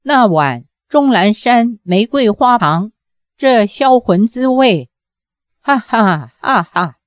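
A woman's voice: on the high side, expressive, takes it slowly, dry recording, studio quality. A woman voicing a jealous male Taoist who taunts his fellow monk in a cold, stiff, mocking way.

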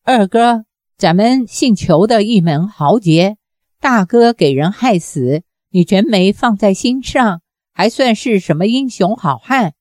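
A woman's voice: mid-range voice, lively intonation, unhurried, no echo, clean studio sound, lightly acted. A woman voicing a bitter, vengeful old woman who berates and demands revenge in a raised voice. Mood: fierce. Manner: shouting harsh reproaches.

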